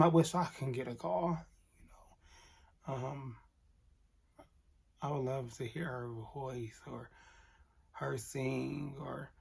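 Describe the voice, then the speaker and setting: A man's voice: a little high, vocal fry, slightly rough. A man vlogger telling an emotional storytime to camera, candid and earnest, talking straight to his viewers.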